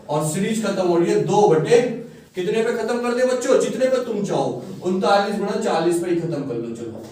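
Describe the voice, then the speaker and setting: A man's voice: high voice, darkish tone. A man teaching a maths lesson to students, coaxing them along and often checking that they follow. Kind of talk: classroom-style maths lesson. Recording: echoey room, far from mic.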